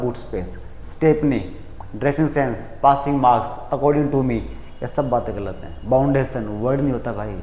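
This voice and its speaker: A man with an Indian accent teaching an exam-prep English class in a lively, direct way, calling his students kids and mixing English terms into Hindi. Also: medium pitch. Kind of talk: exam coaching lecture. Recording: echoey room with long reverb.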